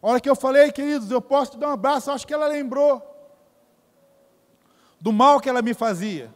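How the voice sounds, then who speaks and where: A Brazilian man with a very high voice and a Brazilian Portuguese accent preaches a sermon at a fairly quick pace, the sound big and roomy. He's emphatic and repetitive, repeating phrases and calling the congregation "querido," meaning dear. It takes place in a church.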